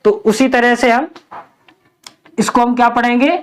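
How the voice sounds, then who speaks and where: Slow, patient male English teacher. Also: extremely high pitch. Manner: spells out letters slowly and drills with repeated questions; patient, explanatory. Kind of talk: step-by-step spoken lesson.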